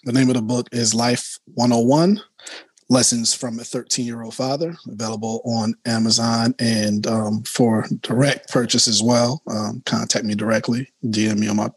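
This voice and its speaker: Male guest, 40s, husky and measured, pauses to think, dry close recording. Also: medium pitch, level tone, dry recording, rough recording. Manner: thoughtful, hesitant with fillers. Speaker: guest, author and motivational speaker. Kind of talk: casual podcast interview.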